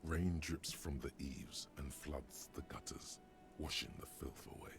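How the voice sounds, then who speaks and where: A man voicing a brooding inner narrator in a video game, speaking in a slow, measured way over game music. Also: steady tone. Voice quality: deep, gravelly, measured. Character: grave male narrator, the hero's inner voice.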